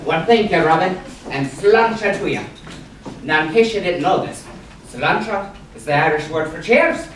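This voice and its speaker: A man hosting a pub cabaret with lively stage banter, slipping into jokey Irish pub patter. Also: high voice, moderate pace, recorded from a distance. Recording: echoey room recorded from afar, background noise.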